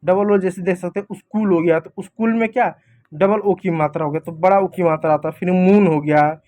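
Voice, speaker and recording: A man's voice: sits high, steady tone, a little fast, darkish tone. A man teaching a simple lesson in a casual classroom manner, explaining step by step and checking in with "thik hai" often.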